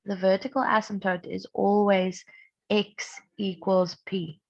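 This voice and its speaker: A young woman maths teacher who is sick and strained, patiently explaining a recorded lesson and clearing her throat often. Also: mid-range voice, flat delivery, a little slow. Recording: dull lo-fi recording.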